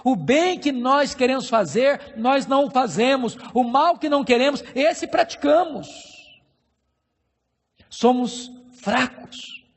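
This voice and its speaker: High-voiced Brazilian preacher in a reverberant hall. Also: male voice, lively intonation, husky. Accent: Brazilian Portuguese. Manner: emphatic preaching with slow stressed phrases and rhetorical questions. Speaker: pastor. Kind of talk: sermon.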